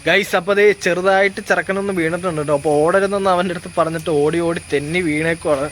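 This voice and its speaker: Speaking fast and steadily in a fairly low voice, this woman vlogger talks straight to her viewers, peppering her chatter with fillers. The clip follows a family outing near a temple and a jackfruit tree, then moves to her home kitchen as she cooks. Slight hiss or hum is audible.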